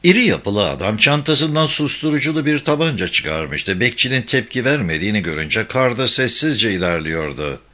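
A man narrating a crime novel audiobook in a steady, even reading. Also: on the low side, normal speed, few pauses. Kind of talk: scripted narration.

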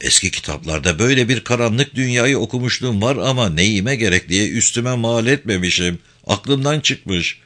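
A man's voice: medium pitch, animated, normal speed, hardly any pauses, a bit bright. A man narrating a first-person folk tale in a vivid storytelling manner.

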